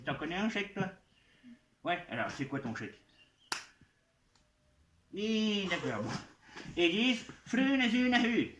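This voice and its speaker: High-pitched with big pitch swings, this man speaks unhurriedly and leaves long pauses. He is a children's entertainer cast as a goblin expert in a playful live comic show, addressing and coaxing the kids directly. The venue is echoey, with background noise.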